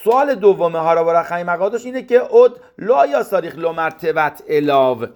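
A man with a slightly high voice gives a text study lesson. He chants verses from scripture, then explains them plainly and keeps asking his listeners what each word means. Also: lively intonation, a little mellow. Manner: poses questions to the listener. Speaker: Torah teacher.

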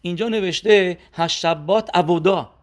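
A man's voice: high-pitched, pitched above the performer's own voice, lightly acted. A man voicing an indignant newly arrived Russian immigrant in a told story.

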